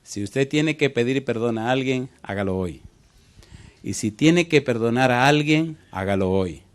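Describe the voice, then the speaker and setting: A man preaching a sermon and telling a story from the pulpit. He moves from hushed, tender passages to sudden loud cries. He often turns to the congregation with direct questions. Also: mid-range voice, lively intonation, unhurried. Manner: storytelling preacher, swings from soft to loud exclamations. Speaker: pastor.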